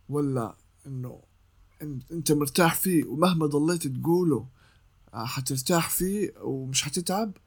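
Young guy teaching voice-over, kinda husky, a bit high, repeats himself a lot. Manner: explanatory, repeats himself, sings scale notes. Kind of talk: casual tutorial.

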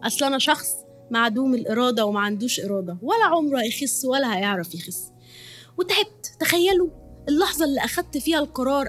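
A young woman speaks quickly in a high voice with an Egyptian accent. She tells her own story on a podcast in an emotional, confessional way, with faint music underneath. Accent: Egyptian Arabic. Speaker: podcast host, nutritionist.

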